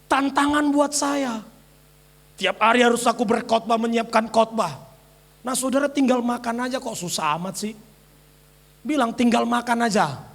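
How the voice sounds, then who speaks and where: High-voiced preacher shouting in a reverberant hall. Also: male voice. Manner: alternates shouted declarations with soft mimicking asides. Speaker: pastor. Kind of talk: energetic sermon. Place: church sanctuary. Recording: church hall with long reverb.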